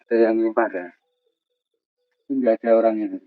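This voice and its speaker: A man, filming himself camping alone outdoors at night, narrating in a tense hush and muttering prayers. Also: fairly low pitch, flat delivery, fast talker, dry recording, phone-quality sound. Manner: tense, repeats short urgent calls to listen; muttering prayers under breath. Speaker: solo camping vlogger. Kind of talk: hushed on-the-spot night vlog narration.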